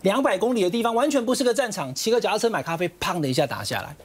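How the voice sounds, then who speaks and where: A man giving political commentary on a talk show, emphatic and quick to correct himself mid-sentence. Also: high-pitched, animated, slight background noise.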